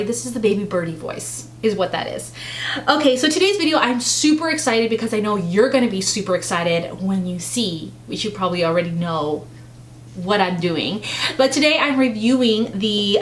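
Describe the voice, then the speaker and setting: A woman's voice: medium pitch, a little hiss or hum. A woman beauty vlogger chatting casually through a product review, rambling a little and correcting herself as she goes.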